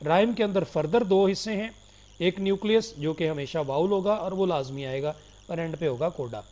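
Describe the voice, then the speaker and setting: A man giving a recorded phonology lecture, slowly explaining terms, switching between Urdu and English and politely addressing his students. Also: high voice, darkish tone. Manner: addresses listeners politely as "janab" and "dear students".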